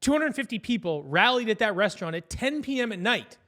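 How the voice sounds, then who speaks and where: Male news host, high-pitched and rapid, blunt, profane, casual political chat. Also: animated, bright, forceful tone.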